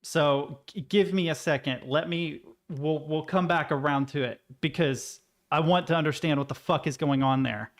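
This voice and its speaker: A man's voice: a little high, moderate pace, hardly any pauses. A man chatting casually on a livestream, thinking aloud with stammers, self-interruptions and some self-deprecating swearing. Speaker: live streamer.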